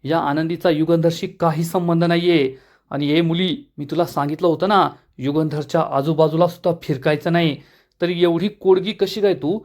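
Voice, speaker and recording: A commanding woman snaps out orders and scolds in a high, clipped voice. A man reads her lines in his plain voice as he retells a TV serial episode. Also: fairly even intonation, normal speed, a little mellow, close to an everyday voice. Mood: angry. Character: angry domineering woman, elder of the house.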